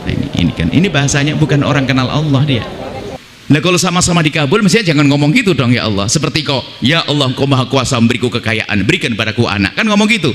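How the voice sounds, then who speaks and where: A man preaching a sermon, swinging between high emphatic lines and low mocking impressions of other people's prayers. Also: very animated, fast, long reverb tail.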